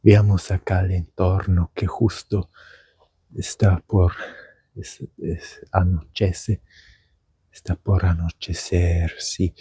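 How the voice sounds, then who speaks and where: This man, a language teacher and podcaster, speaks Argentine Spanish picked up as a German speaker, giving a slow, meandering, theatrical comedic monologue outdoors at dusk with plenty of fillers and restarts. His voice is low-pitched, very dark and slightly rough, with little pitch movement. The sound is dry, without echo.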